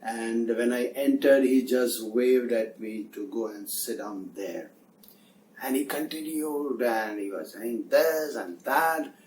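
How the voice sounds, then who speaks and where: Earnest trainer in an echoey room. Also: male voice, medium pitch, takes it slowly, darkish tone, slight background noise. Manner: earnest, conversational. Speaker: soft skills trainer. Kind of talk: storytelling lesson to camera. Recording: echoey room, distant mic, faint ambience.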